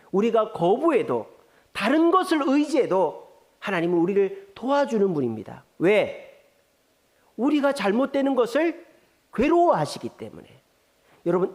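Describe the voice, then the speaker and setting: A male pastor preaches a Sunday sermon in a church sanctuary. His voice sits high and moves with lively swings of pitch. He voices the people he quotes and turns often to the congregation with questions.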